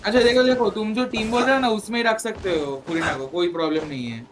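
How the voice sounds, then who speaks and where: A man's voice: high voice, fairly even intonation, fast talker, crowd noise. A man streaming a game live, talking a friend through a fight and repeating his instructions. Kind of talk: live gameplay commentary. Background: game music.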